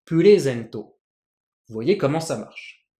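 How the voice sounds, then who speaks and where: Patiently guiding a language lesson, this teacher repeats words and restarts phrases while explaining with written examples. The middling voice is expressive and darkish in tone, moving at a normal speed, and the room adds a clear echo to the recording.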